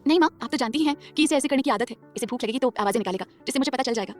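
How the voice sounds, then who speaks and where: Woman voicing young heroine, high, fast, sharp retorts. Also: soft background music, lightly acted. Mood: tender. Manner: sharp, annoyed, quick retorts. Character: spirited young mother, sharp-tongued heroine.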